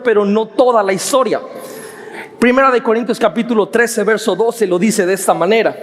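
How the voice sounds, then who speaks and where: High-voiced pastor preaching in a hall. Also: male voice. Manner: preaching with rising questions and emphatic repetition. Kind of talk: sermon. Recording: hall reverb.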